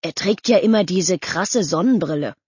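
A woman's voice: lowish voice, expressive, moderate pace, darkish tone, slightly rough, no echo. A woman voicing a suspicious, mocking teenage boy who talks in scornful slang. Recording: dull lo-fi audio.

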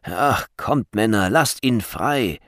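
A man's voice: a little high, animated, normal speed, a bit bright, dry recording, studio quality, voice pushed up. A man voicing a worried old grandfather in a storybook reading, pleading in a soothing way.

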